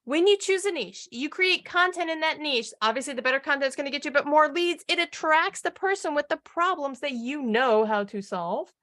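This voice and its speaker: A woman coaching a live online marketing training, energetic and upbeat, often firing questions at her audience. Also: sits high, a little fast, few pauses.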